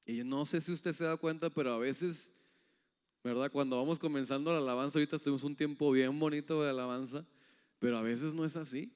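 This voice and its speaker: A man preaching a sermon in a church hall. He keeps quizzing the congregation and swings from loud rising calls to soft, low asides. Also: fairly even intonation, quick pace, clear, resonant tone. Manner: keeps asking the audience "yes or no?". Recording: long hall reverb.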